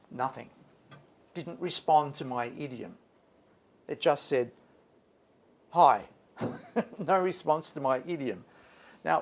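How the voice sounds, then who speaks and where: A man presents a language lesson in a slightly high voice. His pitch moves widely and with drama. He drives points home in short, emphatic phrases, often repeated, like a theatrical teacher. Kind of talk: animated lecture presentation.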